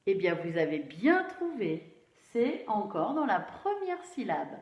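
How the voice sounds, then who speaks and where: A woman teacher giving a phonics lesson to young children, slowly spelling out syllables and praising them. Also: mid-range voice, sing-song. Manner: slow, encouraging, syllable by syllable. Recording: roomy, dull lo-fi sound.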